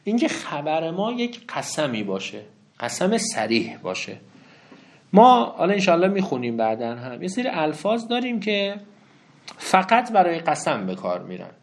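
A man teaching a grammar lesson, explaining step by step and often asking the listener questions. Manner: lively, swinging pitch.

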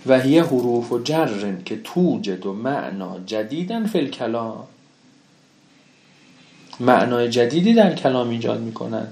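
A man teaching Arabic grammar in a recorded lesson. He reads Arabic phrases slowly, then explains them, often asking a question and answering it himself. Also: mid-range voice, gravelly. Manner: lively explaining, asks and answers his own questions.

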